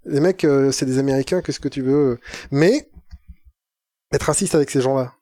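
A man's voice: mid-range voice, normal speed, mellow, dry recording, studio quality. A young man co-hosting a casual podcast chat, rambling and playful with mock-philosophical asides. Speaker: podcast co-host.

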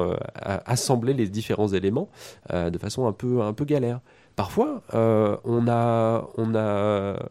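A man's voice: mid-range voice, dark tone. A man with a cold, a video game columnist on a radio show, talking casually with lots of fillers and repeated words. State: has a cold. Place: radio studio.

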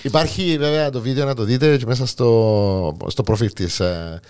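A man with a Greek Cypriot accent co-hosting a show, telling news in a casual, halting, colloquial way. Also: mid-range voice, noisy background. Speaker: co-host of a comic news show. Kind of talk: casual news chat and banter.

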